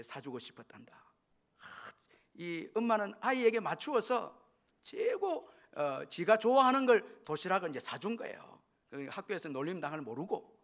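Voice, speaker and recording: A middle-aged male pastor preaching a sermon, repeating key phrases and swinging between loud exhortation and hushed whispers. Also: fairly high pitch, gravelly.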